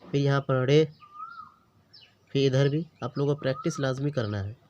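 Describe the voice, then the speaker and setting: A man's voice: medium pitch, normal speed, darkish tone, slight background noise. A man teaching a beginner language lesson, patiently sounding out letters and words one at a time and checking in with the learner often. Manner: repeats each word, checks in with the learner often. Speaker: Urdu teacher. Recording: dull lo-fi recording.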